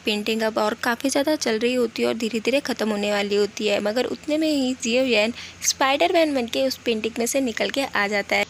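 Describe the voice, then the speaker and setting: A woman narrating a casual recap of an animated episode, chatty and mixing in many English words. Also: a little high, a little hiss or hum. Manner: addresses viewers as guys.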